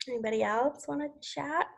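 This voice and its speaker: Chatty woman in her forties, high voice. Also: creaky, rough recording. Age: 40s. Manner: chatty, lots of "like" and "you know", laughs often. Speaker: team leader hosting a group video call. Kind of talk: casual motivational chat. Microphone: video call.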